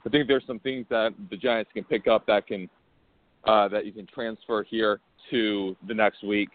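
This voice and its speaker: A man's voice: on the low side, steady tone, normal speed. A man co-hosting a sports talk show, hesitant and repeating words as he gives his picks. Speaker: sports radio co-host. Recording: phone-like line.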